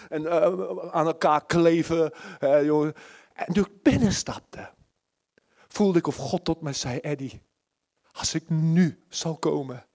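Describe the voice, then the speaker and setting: A man preaching a sermon at a church service, impassioned, moving between loud pleading and hushed near-whispers. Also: a little high.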